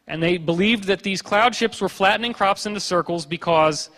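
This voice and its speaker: A man giving a joking, animated conference lecture over slides, tossing in quick voiced asides. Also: high voice. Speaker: conference speaker. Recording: long hall reverb.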